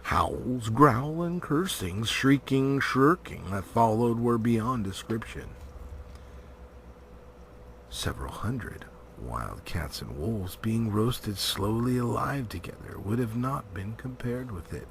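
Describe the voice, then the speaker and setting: Reading a storybook as an amateur audiobook narrator, this man is theatrical and emphatic, letting his volume vary. He speaks slowly in an expressive, mid-range voice, over noticeable background noise.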